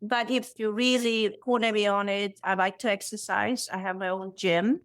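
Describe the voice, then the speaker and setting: A middle-aged woman from Sweden, a cardiologist guest speaking in a warm, reassuring way, laughing often and repeating words. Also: medium pitch, fairly even intonation, moderate pace. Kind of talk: conversational interview.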